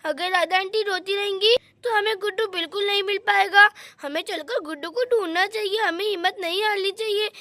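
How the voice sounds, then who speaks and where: A woman voicing a chatty, excitable little girl in a doll story. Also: very high voice, brisk, no echo. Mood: eager. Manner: eager, chattering.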